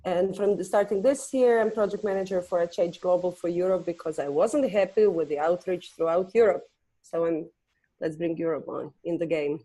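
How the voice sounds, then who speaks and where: A woman's voice: lowish voice, moderate pace, mellow, low-quality recording. A woman from Croatia, a school principal, hesitantly introducing herself on a video call. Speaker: principal and curriculum designer. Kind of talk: casual self-introduction.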